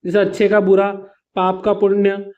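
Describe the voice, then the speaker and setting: A man's voice: sits high, completely flat delivery, normal speed, phone-quality sound. A man teaching an exam revision lesson to students. He explains patiently with simple examples, calls his students "beta" and slips English words into his explanations.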